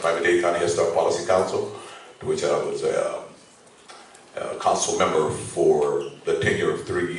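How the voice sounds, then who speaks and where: An older man giving a halting public speech to a community forum, with many pauses and fillers. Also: a bass voice, slight background noise. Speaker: candidate speaking at a community forum. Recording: echoey hall from far off.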